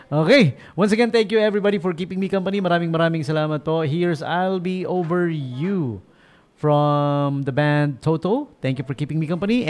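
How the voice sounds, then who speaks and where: Playful Filipino radio DJ man. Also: a little high. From Philippines. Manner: playful, animated, laughs at own jokes, switches Tagalog and English. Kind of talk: late-night radio joke telling and sign-off. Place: radio studio.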